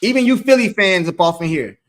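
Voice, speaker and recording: A man's voice: sits high, expressive, fairly quick, a bit bright. A man hosts a casual sports chat. He rambles, stacks up repeated words and reacts to the chat as he goes. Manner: loose, rambling, repeats himself. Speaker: host.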